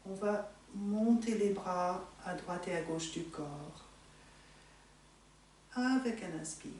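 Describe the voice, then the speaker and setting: A woman teaching yoga in a soothing, unhurried, gently encouraging manner, giving slow guided instructions. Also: fairly low pitch. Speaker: yoga teacher leading a morning class. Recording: echoey room, distant mic, faint noise.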